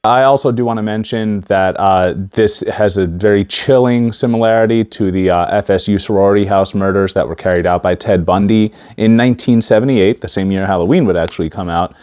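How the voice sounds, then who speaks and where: Male movie-review vlogger, lower register, casual and halting, stiff-mouthed after wisdom teeth surgery. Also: darkish tone, clean tone. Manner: stiff-mouthed speech after wisdom teeth removal, limited facial mobility. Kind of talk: casual talk to camera.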